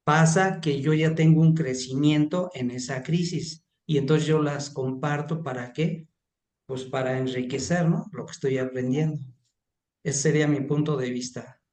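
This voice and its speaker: A man's voice: on the high side, fairly even intonation, moderate pace, darkish tone. Man with a roomy echo. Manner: rambling with restarts, emphatic. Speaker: pastor and counselor. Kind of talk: sharing an anecdote in an online class.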